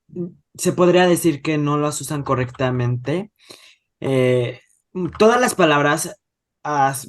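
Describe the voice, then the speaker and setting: Guy explaining grammar in a podcast, kinda high voice, hesitant, lots of fillers. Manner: hesitant, restarts words, many fillers. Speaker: student explaining a topic. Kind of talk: casual podcast discussion.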